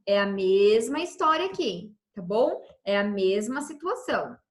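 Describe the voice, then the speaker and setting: A woman's voice: mid-range voice, sing-song, unhurried, roomy sound. A Brazilian woman teaching a school class remotely, patient and repetitive, checking again and again that the students understood. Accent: Brazilian Portuguese.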